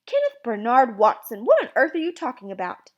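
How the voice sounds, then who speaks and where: A woman's voice: a little high, expressive, fairly quick, lo-fi sound. Worried Southern mama, as a woman narrator plays her. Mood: alarmed. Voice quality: shaky. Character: worried, tender Southern mother.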